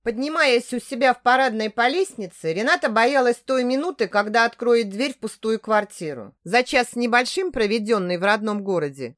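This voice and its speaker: A woman narrating an audiobook in a measured, expressive reading. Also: on the high side, dry recording, clean studio sound. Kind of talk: scripted narration.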